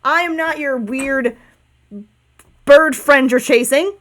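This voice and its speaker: Brief: shrill, loud, indignant kenku bird in a stolen male voice, put on by a woman. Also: takes it slowly. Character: paranoid female kenku bird with a stolen man's voice.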